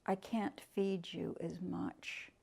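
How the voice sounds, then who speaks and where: A woman's voice: little pitch movement, slow, creaky, darkish tone, husky, heavily acted. A woman doing a stern, tired carriage driver. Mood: weary. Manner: barking orders, then tired and low. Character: struggling male carriage driver, stern then weary.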